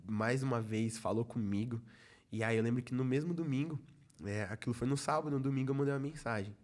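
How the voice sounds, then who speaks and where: A young man from Brazil tells a personal faith testimony as a podcast guest. He talks in an easy, chatty storytelling way at a middle pitch and keeps acting out what other people said to him. It is casual conversation, not a performance. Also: a little mellow. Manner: storytelling, acts out quoted dialogue, many "falei assim" asides. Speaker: podcast guest, youth ministry leader.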